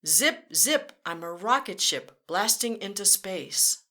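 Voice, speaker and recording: A woman with a medium-pitched, animated voice reads a picture book aloud to children, taking it slowly in a pushed, bright, sing-song delivery. She talks straight to the kids as a storyteller at read-aloud storytime, adding playful vehicle sound effects.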